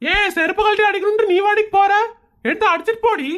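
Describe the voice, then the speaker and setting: Comedy skit: man as sarcastic, fed-up husband, high-pitched voice, Kongu Tamil accent, argumentative and mocking. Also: fast talker, fairly bright tone. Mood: exasperated complaining. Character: exasperated, sarcastic husband who mocks everyone around him.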